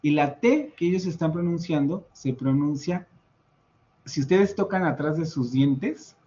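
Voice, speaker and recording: A man teaching an online English class, explaining patiently in Mexican-accented English and Spanish, with many fillers and repetitions. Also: fairly high pitch. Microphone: video call. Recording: slightly muffled video call audio with faint noise.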